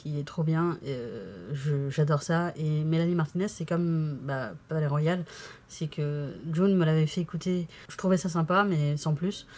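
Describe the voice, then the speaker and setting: A young adult woman chatting casually in a vlog, giggling often and getting excited as she talks about her day. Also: low-pitched. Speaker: vlogger.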